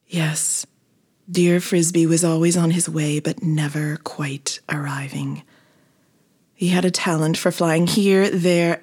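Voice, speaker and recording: A woman's voice: lowish voice, slightly rough. Whispering woman reading a bedtime story. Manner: soft, whispery, gentle.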